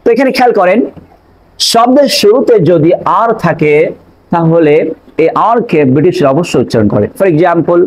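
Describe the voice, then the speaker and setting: A man teaching English pronunciation in an online lesson, explaining step by step and repeating examples slowly. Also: high-pitched, expressive, darkish tone, poor audio.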